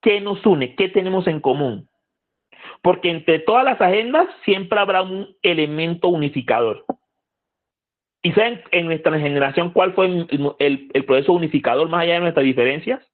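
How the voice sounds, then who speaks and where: Man, lecture, quizzes the audience, repeats lines for emphasis, somewhat high voice. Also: animated, moderate pace. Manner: conversational, asks the audience questions. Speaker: lecturer on youth movements. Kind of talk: lecture to a youth group. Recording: tinny phone-like audio.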